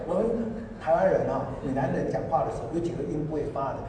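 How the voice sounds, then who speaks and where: A high-voiced man preaches, telling his story in lively bursts and breaking into laughter as he mimics others. His voice carries from a distance across a big hall. The long echo lingers after each phrase. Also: fast, a little hiss or hum. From Taiwan. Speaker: pastor. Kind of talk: storytelling sermon. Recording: echoey hall, voice from far off.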